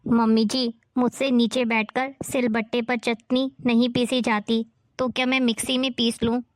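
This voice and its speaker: A woman's voice: a little high, flat delivery, normal speed, dry recording, studio quality, close to an everyday voice. A woman playing a meek pleading young daughter-in-law. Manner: pleading, polite. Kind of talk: family drama acting.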